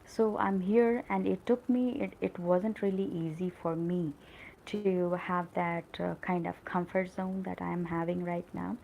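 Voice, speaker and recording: A middle-aged woman speaks with an American-tinged accent in an earnest, encouraging live stream on learning English. Her voice sits on the low side with a gravelly fry, and a faint hiss runs under it. She often stops on fillers like "uh" and "you know". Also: steady tone, unhurried, narrow, tinny audio. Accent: American-tinged English learned in call centers. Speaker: English teacher. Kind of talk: live-stream motivational talk.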